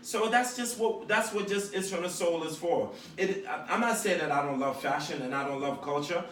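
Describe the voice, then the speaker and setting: Animated high-voiced New man, echoey room. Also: normal speed. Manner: animated storytelling, mimics people with slang. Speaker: guest. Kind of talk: casual podcast chat. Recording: echoey room, far from mic, faint noise.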